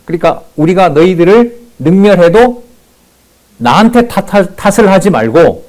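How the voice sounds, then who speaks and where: A man's voice: high-pitched, animated, normal speed, a little mellow, voice pushed up, low-quality recording. A man voicing a scornful, arrogant enemy commander who mocks his foes with sneering taunts. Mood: mocking.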